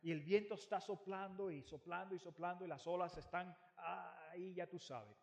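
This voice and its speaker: A man preaching a sermon, retelling a Bible story dramatically, swinging from loud emphasis to hushed lines and repeating phrases for weight. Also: high voice, moderate pace, gravelly.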